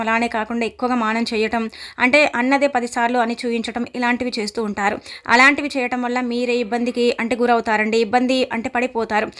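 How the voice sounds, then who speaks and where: A woman astrologer giving a horoscope forecast in a steady, advice-giving way, with frequent verbal fillers. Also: on the high side.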